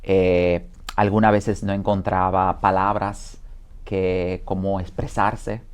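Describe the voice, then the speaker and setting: A man in his forties from the Dominican Republic, a guest in an interview. His voice sits low, and he talks hesitantly, often pausing on fillers as he remembers. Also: flat delivery, clean tone. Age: 40s. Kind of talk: interview testimony.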